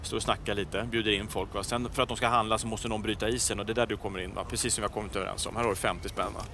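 A man acting out a foul-mouthed, cocky street peddler who barks his pitch. He curses nonstop and brags without pause, in a lowish voice. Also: steady tone, far from the mic, background noise, natural voice. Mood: pushy salesman. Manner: swears constantly, brash and boastful. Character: crude boastful male wannabe musician and salesman. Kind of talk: sketch comedy acting.

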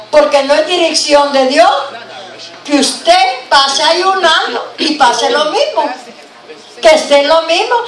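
A woman's voice: high voice, fairly bright tone. A middle-aged woman preaching from a pulpit with a handheld mic, earnest and breaking into praise between points. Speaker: guest preacher. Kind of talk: sermon. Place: church sanctuary, at a pulpit. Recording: roomy church sound from a distant camera.

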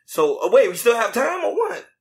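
A man's voice: very high-pitched, sing-song, brisk. Motivational podcast man who keeps saying "facts". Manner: affirming, says "facts" often, motivational. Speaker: podcast co-host. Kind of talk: casual podcast chat. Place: podcast studio in Florida.

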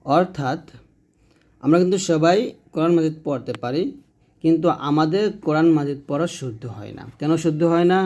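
A man, teaching a recitation lesson slowly and drawing out sounds to demonstrate them. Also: a little high, a little mellow. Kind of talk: explanatory lesson.

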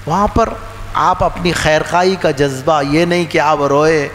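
A male preacher giving a religious sermon, speaking emphatically, repeating phrases and moving between soft low lines and raised outbursts. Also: steady tone, measured pace. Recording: long hall reverb with faint noise.

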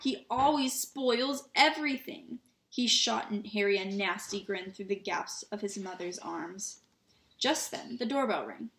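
Woman reader, casual storybook read-aloud, mid pitch, roomy room sound. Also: measured pace, gravelly. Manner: relaxed reading with small slips and restarts. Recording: roomy echo.

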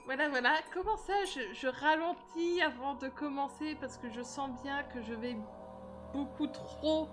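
A woman's voice: sits high, a little slow, long pauses. Chatty, giggly French woman streamer. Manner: rambling and playful, lots of fillers and giggles. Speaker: gaming streamer. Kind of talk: casual live-stream chatter. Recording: music playing behind.

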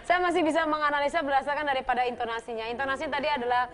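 A woman's voice: sits high, fairly even intonation, racing, soft background music, a faint crowd. A woman on a talk show confidently analyzing someone's expressions and tone. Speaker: expression-reading expert guest.

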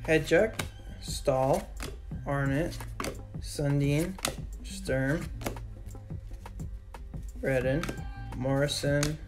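A woman hosting a casual card-opening video, reading off names one after another in a steady list at her desk. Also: a bass voice. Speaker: channel host opening trading card packs. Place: indoors at a desk with a card display wall. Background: background music.

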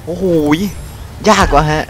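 A young man giving excited let's-play commentary to his viewers. He often shouts and laughs. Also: measured pace, a little hiss or hum. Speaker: gaming YouTuber.

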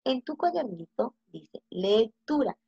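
A woman's voice: fairly high pitch, very animated, takes it slowly, creaky, warm tone, husky, dry recording, highs cut off. A first-grade teacher, giving a recorded reading lesson to young children. She is patient, stretches her words and asks many questions, then answers them herself.

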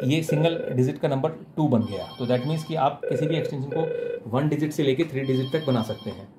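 Man, mid pitch, patient step-by-step tech tutor, faint room hum. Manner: explanatory, mixing in English terms, with fillers. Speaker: telecom instructor. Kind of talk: technical tutorial demonstration.

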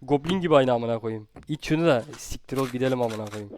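Young guy streaming a horror game, swears every other word, gets loud and jumpy when scared. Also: mid-range voice, fast talker, slight background noise. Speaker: gaming streamer. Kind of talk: horror game let's-play commentary.

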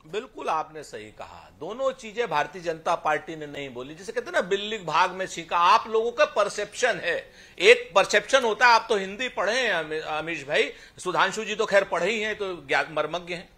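A man's voice: high voice, expressive, normal speed, pushed and bright. A man speaking as a party spokesperson in a heated TV debate, sarcastic and declamatory, reciting couplets. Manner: sarcastic, mocking.

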